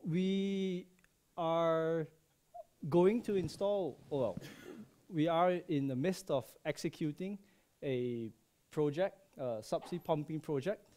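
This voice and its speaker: Over a headset microphone, this thirtysomething engineer from Malaysia, who works in subsea processing, talks to a large lecture hall at a conference. He is friendly, cracks light jokes, and fills pauses with ums and uhs. His voice is on the high side, mellow, and slow.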